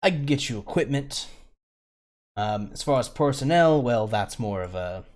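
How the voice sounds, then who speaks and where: A man voicing a smooth-talking, crude male smuggler with a put-on accent and a sly, salesman-like manner. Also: mid-range voice, lively intonation, moderate pace, a little mellow, natural voice.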